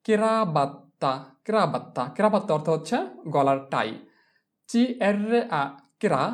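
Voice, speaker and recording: A woman's voice: low voice, darkish tone. A woman teaching a language lesson, spelling words out syllable by syllable and repeating each word several times. She speaks Bengali with a Bangladeshi accent.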